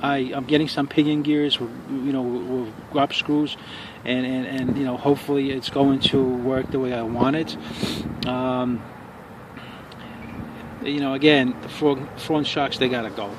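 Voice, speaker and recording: Man, casual outdoor vlogger, irritated profane rant, halting speech, street noise behind. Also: medium pitch, flat delivery. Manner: angry, profane ranting with halting restarts. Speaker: RC car hobbyist reviewer. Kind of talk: casual outdoor review vlog. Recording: noisy outdoor street recording.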